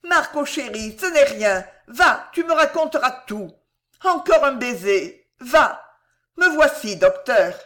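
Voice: sits high, unhurried, fairly bright tone, pitched above the performer's own voice. A reader voicing a dying servant mother, speaking in a raised, fervent, quavering way. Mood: overjoyed. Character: dying mother, a servant woman, feverish and tender.

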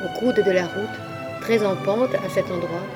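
A woman narrating a literary audiobook in a measured, expressive storytelling voice. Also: mid-range voice. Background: faint background music.

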